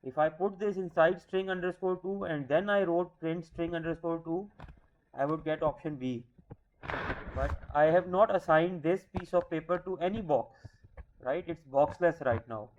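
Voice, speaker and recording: A man's voice: on the high side, normal speed, darkish tone. A man in his thirties with a Pakistani English accent, teaching a coding lecture patiently, repeating points and correcting himself. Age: 30s. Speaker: programming teacher. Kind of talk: screen-recorded coding lecture. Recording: dull lo-fi mic with faint hiss.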